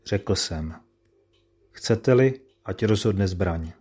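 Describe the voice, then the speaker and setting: A man's voice: low voice, expressive, warm tone, slightly rough. A man doing a cold, insolent young noble. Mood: defiant. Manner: cool, curt, mocking.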